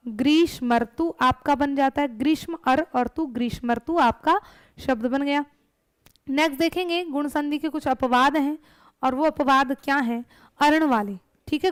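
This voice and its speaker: High-voiced woman teaching grammar, asking and answering. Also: dry recording. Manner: explains step by step, asks questions and answers them herself. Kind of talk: exam-prep lesson.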